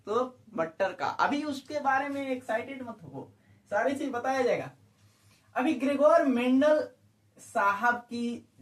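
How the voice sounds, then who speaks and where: A male biology teacher giving an exam-prep lecture, who keeps asking rhetorical questions, repeats key terms and checks that students follow. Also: extremely high pitch. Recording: echoey room, speaker far from the mic.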